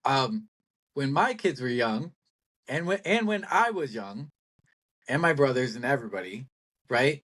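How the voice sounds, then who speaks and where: A middle-aged man co-hosting a casual business chat, animated and rambling, laughing often and talking bluntly with some swearing. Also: mid-range voice, a little slow, long pauses. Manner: blunt, salty language. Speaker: podcast co-host.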